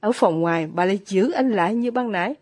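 Warm, breathy woman narrating. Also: mid-range voice, fast talker. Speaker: audiobook narrator. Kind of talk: scripted narration.

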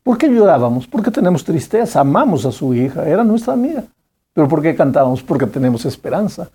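A gentle young church girl who soothes and reassures calmly, as a man puts her on in a sermon. The voice is mellow and a little husky, with a lively lift. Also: on the high side, quick pace, exaggerated voice. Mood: consoling.

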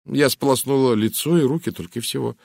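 A man voicing a puzzled young English wife in an audiobook, hesitant and sometimes sharp. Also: medium pitch, fast, creaky, dry recording, studio quality, pitched above the performer's own voice. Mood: recalling.

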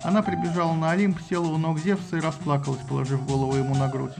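A man reads a story aloud in a somewhat higher voice than most men, with an ironic, lively storyteller's touch. Faint music plays beneath the narration. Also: fast talker, creaky. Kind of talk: audiobook narration.

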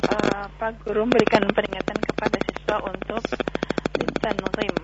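A man's voice: high-pitched, level tone, normal speed. A man with an Indonesian accent, a student reading Arabic aloud and hesitantly checking his answers with the teacher. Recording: dull lo-fi radio broadcast with faint hiss.

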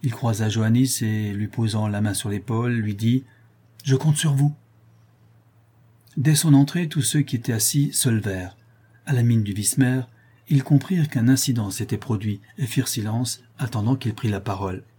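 Male audiobook narrator, measured historical storytelling, dark and husky. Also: fairly low pitch. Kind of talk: scripted historical novel narration.

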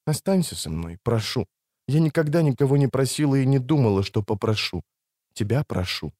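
A man voicing a proud, scorned sorceress in an audiobook reading, with biting sarcasm that softens into pleading. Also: on the high side, sing-song, a little fast, no room sound, studio quality.

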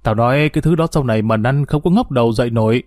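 A man voicing a gruff, blunt middle-aged uncle in a read-aloud story, scolding quickly. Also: mid-range voice, darkish tone, no room sound, studio quality, close to an everyday voice.

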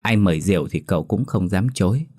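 A male storyteller narrates a drama in a steady, measured manner. His voice sits very low. The reading is scripted and paced evenly. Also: dry recording, clean studio sound.

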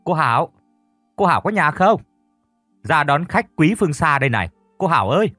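A man voicing a blunt, commanding village elder who talks briskly. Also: medium pitch, expressive, slightly rough, no echo, studio quality, soft background music. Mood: calling out.

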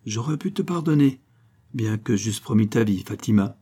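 A cold, calculating nobleman who keeps his voice calm and guarded, as a male reader plays him. The voice is low-key, dark and husky, a plotting gentleman in an audiobook drama. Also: normal speed. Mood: grim. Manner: calm, guarded, quietly scheming. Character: cold calculating Spanish nobleman, young man.

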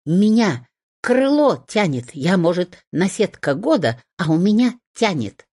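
A woman's voice: lowish voice, sing-song, a little slow, darkish tone, dry recording, studio quality, pitched above the performer's own voice. A woman voicing a large, self-important village hen who speaks in a huffy, pompous way.

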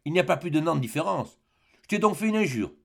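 A man's voice: a little high, lively intonation, quick pace, vocal fry, fairly bright tone, voice pushed up, exaggerated voice. A man voicing an earnest young peasant man who talks eagerly and insistently in an audiobook.

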